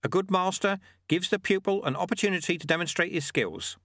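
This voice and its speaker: A man playing a wry, smooth old master. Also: high voice, brisk, fairly bright tone, no echo, studio quality, pitched above the performer's own voice. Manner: smooth, teasing, airily lofty. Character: wry, unflappable old male sweeper and master.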